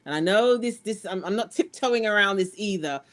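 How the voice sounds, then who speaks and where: A middle-aged woman with a London accent speaks frankly in a conversational interview. She tells her story earnestly and with animation, circling back and restarting her sentences as she goes. Her voice sits at an ordinary pitch for a woman. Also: lively intonation, a little fast, fairly bright tone. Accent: London English. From England. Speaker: guest.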